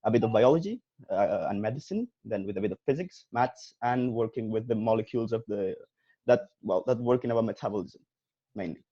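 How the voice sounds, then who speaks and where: A man's voice: on the low side, lively intonation, a little fast, warm tone, no echo, highs cut off. A young man, a university student, earnestly explaining his degree on a video call. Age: young adult. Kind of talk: casual self-introduction.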